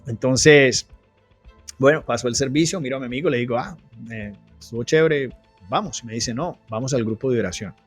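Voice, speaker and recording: Male guest, earnest testimony storytelling, average pitch, soft music under. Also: fast, husky. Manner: earnest storytelling, frequent restarts. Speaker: guest telling his testimony. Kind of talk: personal testimony in an interview.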